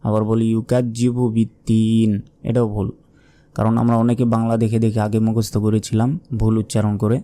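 A man teaching recitation, explaining pronunciation mistakes and then chanting the verses slowly in a raised tone. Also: fairly low pitch, monotone, dark tone. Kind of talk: pronunciation lesson with slow drawn-out recitation.

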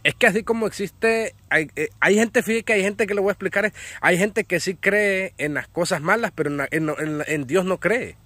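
A man's voice: high voice, normal speed, hardly any pauses, fairly bright tone. A man with a Central American Spanish accent, interviewing in casual, colloquial chat outdoors and often ending phrases with little tag questions. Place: outdoors in a dirt yard.

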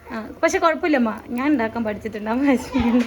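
Chatty fast-talking young woman vlogger. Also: fairly high pitch, a little mellow. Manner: chatty, rambling, laughs often. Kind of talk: casual vlog chat. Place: home kitchen. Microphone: phone camera. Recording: noisy home phone recording.

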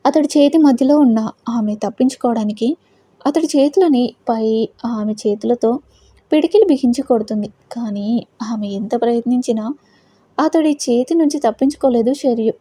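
A woman narrating a romantic audio story, steady and expressive. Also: fairly high pitch, normal speed, breathy edge, dry recording.

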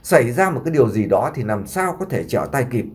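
A man's voice: medium pitch, big pitch swings, fast talker, lightly acted. A man voicing a grieving doctor father who imploringly consoles his sick son and takes the blame on himself.

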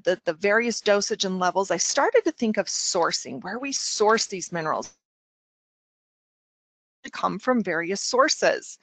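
A woman giving an enthusiastic product presentation, talking with a smile and sometimes getting tongue-tied from excitement. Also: mid-range voice, no echo. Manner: smiling as she talks.

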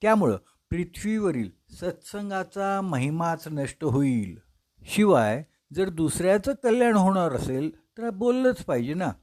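A man voicing a calm, wise ascetic who explains to a king in a measured, instructive way. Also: high voice. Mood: reflective.

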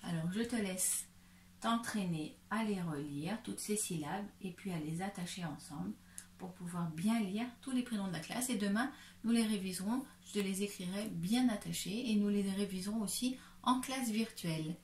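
A woman kindergarten teacher giving a slow, careful reading lesson to a young child, patiently sounding out each syllable. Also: mid-range voice, darkish tone, a little hiss or hum. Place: room at home. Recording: echoey room.

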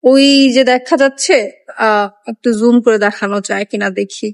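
A young woman, chatting casually and wryly as she films a travel vlog on a phone held at arm's length in a glass skywalk. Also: fairly high pitch. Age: young adult. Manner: chatty, wry, self-mocking about being lazy. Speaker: travel vlogger. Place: indoor glass skywalk with moving walkways.

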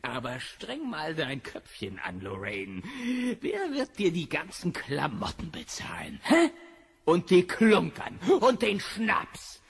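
Biff, a gravelly sneering bully. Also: male voice, a little high, huge pitch swings, slow pace, exaggerated voice. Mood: sneering, menacing. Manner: sneering, menacing, mocking. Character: brutish bullying rich husband, middle-aged man. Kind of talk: audio drama acting.

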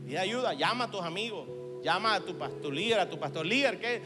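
A man pastor preaching to church leaders, joking at times and at times shouting exhortations. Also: high-pitched, lively intonation, brisk. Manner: humorous, swings from chatty asides to shouted exhortation. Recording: long hall reverb, faint music.

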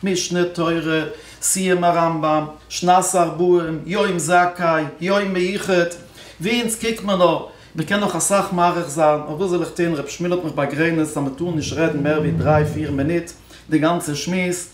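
Story-telling rabbi in an echoey hall. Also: male voice, fairly even intonation, a little slow. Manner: story-telling, moves between loud stresses and hushed low passages. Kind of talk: storytelling speech at a religious celebration.

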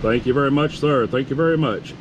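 Male ham operator outdoors, clear background noise. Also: medium pitch, a little fast, highs cut off. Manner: courteous, repeats himself. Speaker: amateur radio operator. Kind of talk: radio contest-style calling, phonetic spelling. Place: outdoors at a campsite table. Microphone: camera on the table beside the radio.

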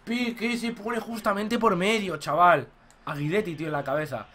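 A young man from commentating his own football video game match, talking to viewers and shouting at goals. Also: high voice, normal speed. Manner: excitable, shouts at goals, addresses viewers as "chicos". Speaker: gaming YouTuber.

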